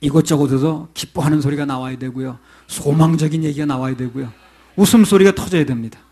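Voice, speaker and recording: Male pastor, middle-aged, rapid conversational sermon delivery with a slightly raised pitch. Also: warm tone, breathy edge. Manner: conversational preaching, asks the congregation questions.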